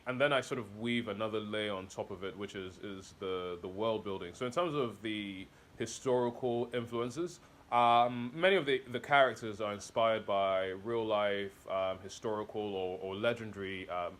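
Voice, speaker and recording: A man's voice: on the low side, fairly bright tone. A man being interviewed about his comic, talking casually and hesitantly with many fillers and restarts. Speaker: interview guest, comic author.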